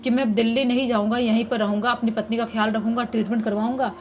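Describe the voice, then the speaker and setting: A woman's voice: on the high side, level tone, fast, slight background noise. A woman telling a true horror story in a casual, conversational way. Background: faint music.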